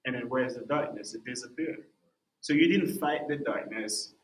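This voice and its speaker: A man's voice: mid-range voice, moderate pace. A young man in a casual podcast interview tells his story with animation, dropping "bro" and "man" into almost every sentence. His voice sits in a middle register. It rings in a roomy, echoey space. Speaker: music artist guest. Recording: roomy echo.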